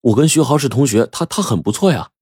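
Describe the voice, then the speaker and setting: A man's voice: medium pitch, expressive, fast, a little mellow, breathy edge, dry recording, studio quality, voice pushed up. A man doing an earnest young student son. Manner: earnest, polite.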